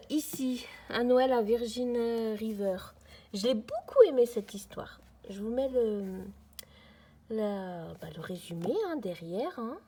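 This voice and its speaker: Woman, 40s, mellow casual vlog chat at home, tripod camera mic. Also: a little high. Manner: chatty, friendly, addresses viewers as friends. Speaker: vlogger. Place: at home, sitting on the floor. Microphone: camera on a tripod, mic on the far side.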